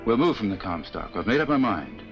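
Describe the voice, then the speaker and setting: An earnest frontier lawyer. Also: male voice, fairly low pitch, very animated, brisk. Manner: impassioned, tender toward his wife. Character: earnest mining lawyer husband, proud and protective. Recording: dull 1950s TV soundtrack with music.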